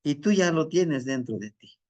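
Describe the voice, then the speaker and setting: A man telling a spiritual teaching story in a calm, reflective way. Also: a little high, normal speed.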